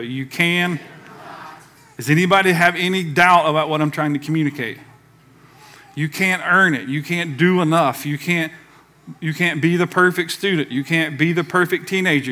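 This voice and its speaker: A man preaching with a somewhat high voice, pressing each point hard and asking the congregation to answer back. He mixes firm sermon lines with loose, offhand asides. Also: pushed and bright. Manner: emphatic, calls for congregation response; conversational with casual asides. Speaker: pastor.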